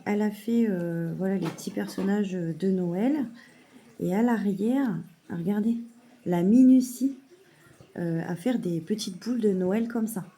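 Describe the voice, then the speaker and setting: A woman showing a parcel in a casual vlog at home, hesitant with many fillers and softly gushing. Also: medium pitch, vocal fry. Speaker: mother unboxing a parcel of saving challenges. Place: at home at a table.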